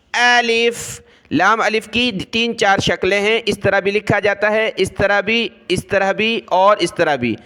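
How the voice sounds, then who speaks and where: A man teaching Arabic letters for Quran reading, explaining quickly, then drawing out each letter slowly and repeating it three times. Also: sits high, pushed and bright, clean tone. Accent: Urdu-speaking Pakistani. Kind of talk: slow drilled letter pronunciation lesson.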